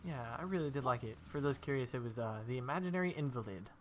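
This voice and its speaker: Speaking fast with lively intonation in a mid-range voice, this young gameplay host sounds congested from allergies. He chats and tells rambling stories while playing, and there's a faint hiss or hum in the recording.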